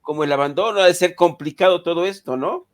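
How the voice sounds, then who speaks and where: A man's voice: high voice, quick pace. A man hosting a remote interview, reflective and hesitant, with frequent fillers. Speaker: host.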